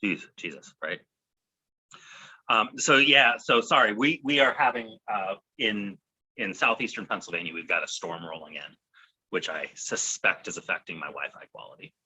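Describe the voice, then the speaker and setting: A man talking casually from home over a choppy video call connection that cuts in and out, speaking in a relaxed way with plenty of fillers. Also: fairly low pitch, moderate pace, husky, poor audio. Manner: relaxed, hesitant, many fillers. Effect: choppy, cutting-out video call connection. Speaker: co-host of a business talk video. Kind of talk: casual chat.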